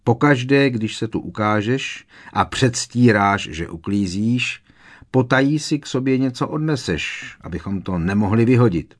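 A man's voice: mid-range voice, animated, pitched above the performer's own voice, close to an everyday voice. A man voicing an irritable, scornful grown man who talks sharply and impatiently, in an audiobook.

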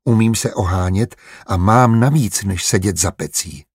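A man voicing a sharp-tongued, stubborn young merchant wife in an audiobook, blunt and quick to argue. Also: lowish voice, husky, no echo, clean studio sound. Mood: quiet, hurt. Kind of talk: audiobook character voice.

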